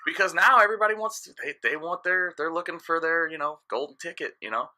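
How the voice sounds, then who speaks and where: A man's voice: fairly high pitch, quick pace, bright, forceful tone. A man in his thirties, a guest DJ, telling stories in a frank, rambling way in casual podcast chat. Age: 30s.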